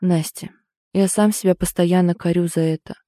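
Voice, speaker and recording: Woman reading a soft-spoken guilty young man. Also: on the low side, steady tone, normal speed, no room sound, studio quality, natural voice. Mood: remorseful. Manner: soft, apologetic.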